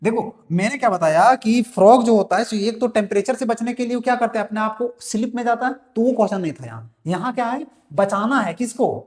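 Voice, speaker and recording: The voice is high and darkish: a man teaching biology, running through exam-prep multiple-choice questions out loud. Addressing students as "बालक", he restates every question and supplies the answer himself, and the room has an echo.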